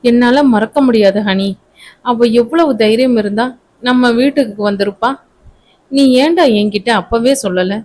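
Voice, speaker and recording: A woman's voice: a little high, normal speed, darkish tone, lightly acted. A woman voicing a remorseful young husband. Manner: pleading, guilt-ridden.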